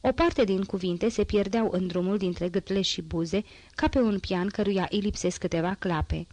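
A woman's voice: medium pitch, darkish tone, no echo. Woman reading a novel aloud, dry sound. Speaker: audiobook narrator. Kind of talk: literary audiobook narration.

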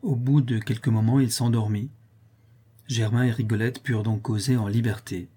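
Husky-voiced man reading an audiobook. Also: mid-range voice. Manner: steady, measured reading. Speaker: audiobook narrator. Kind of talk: audiobook narration.

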